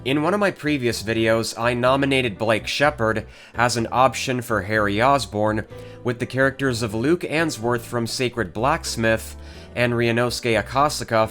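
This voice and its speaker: A man delivers scripted narration for a video. His pitch is average, with soft plucked guitar behind him. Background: guitar music.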